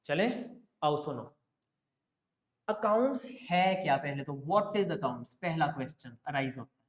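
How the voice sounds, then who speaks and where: In an unhurried, lively voice pitched fairly high, this man lectures an accounting class on the basics. His manner is coaxing, with frequent check-ins to make sure students understand, and the recording carries a spacious echo.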